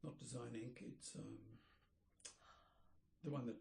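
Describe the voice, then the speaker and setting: An older man, an architect, reminiscing in an interview, rambling and pausing to search for names. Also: medium pitch, steady tone, creaky, mellow. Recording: roomy echoey room.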